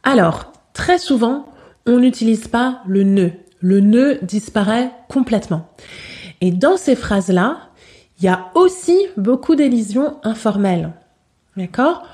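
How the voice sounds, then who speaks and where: A woman teaching spoken in a podcast lesson, saying each example slowly and carefully and repeating it for learners. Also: fairly high pitch, lively intonation, mellow. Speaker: French teacher.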